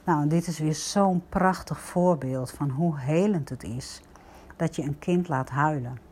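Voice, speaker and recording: Low-voiced grandmother telling a story. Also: measured pace, breathy edge. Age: older. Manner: gentle, reflective storytelling with soft asides. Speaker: grandmother sharing a personal story. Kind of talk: casual personal monologue to viewers.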